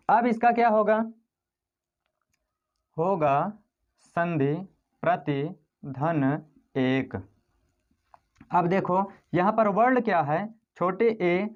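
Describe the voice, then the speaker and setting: A man's voice: sits high, lo-fi sound. A male teacher giving a step-by-step grammar lesson, asking his students questions and then answering them himself. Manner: repetitive, step-by-step explaining. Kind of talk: classroom-style grammar lesson.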